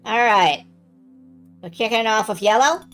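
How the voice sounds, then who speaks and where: A woman's voice: a little high, lively intonation, normal speed, fairly bright tone. A woman giving casual, sweary game commentary as a let's play host, narrating her own moves as she goes. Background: game music.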